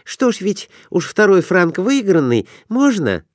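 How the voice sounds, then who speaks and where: A man voicing an excitable young married woman who is gambling, with high squealing exclamations. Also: unhurried, no echo, studio quality. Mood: excited.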